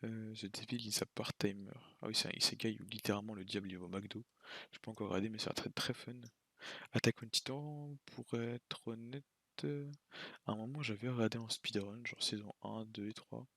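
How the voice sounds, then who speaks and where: A man's voice: lowish voice, fairly even intonation, fairly quick, pushed and bright, no echo. A man giving casual, slangy, rambling commentary while ranking shows on a tier list, tired late at night. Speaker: YouTuber ranking anime.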